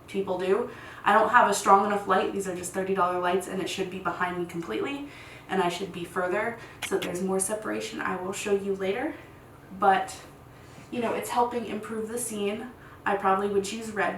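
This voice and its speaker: A woman in her thirties giving a casual, rambling tutorial at home, chatty and quick to laugh. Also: medium pitch, sharp tone. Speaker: content creator teaching lighting. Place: home room set. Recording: echoey room, distant mic, faint hiss.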